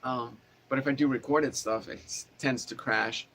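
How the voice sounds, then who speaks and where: A guitar teacher answers viewer questions in a casual livestream, his nasal, mid-range voice a bit bright, fairly even in intonation and moderate in pace. He's sweaty in a small, hot home studio with no air conditioning, rambling with plenty of fillers and restarts. A camera mic picks him up, with faint background noise from the running fan.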